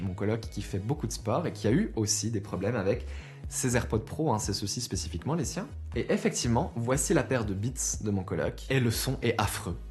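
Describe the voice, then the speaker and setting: Exasperated man ranting over music. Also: lowish voice. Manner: exasperated, emphatic complaining; conversational, with rhetorical questions. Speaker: video presenter. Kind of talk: opinionated consumer rant to viewers.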